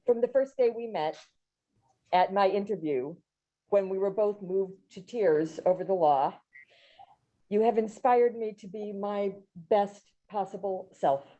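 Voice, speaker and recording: A woman's voice: medium pitch, unhurried, warm tone. A woman judge delivering a formal prepared speech of thanks. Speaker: newly sworn-in judge. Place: courtroom. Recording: dull, muffled sound.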